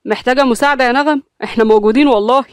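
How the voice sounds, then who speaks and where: A woman's voice: a little high, racing, clean tone, no echo, close to an everyday voice. A woman playing a joking Egyptian young man.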